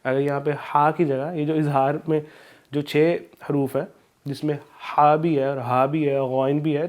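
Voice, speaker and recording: A man teaching an Islamic studies lesson with a Pakistani Urdu accent, explaining rules slowly and chanting verses in drawn-out recitation. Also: a little high, a little mellow. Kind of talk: recorded video lesson with Quran recitation.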